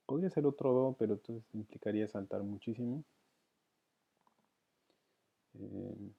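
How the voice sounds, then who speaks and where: A man's voice: lowish voice, gravelly, slightly rough. A man teaching counterpoint, working through it aloud with hesitations. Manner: thinks aloud with many fillers and restarts. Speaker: music teacher. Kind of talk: counterpoint lesson, thinking aloud. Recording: dull lo-fi sound.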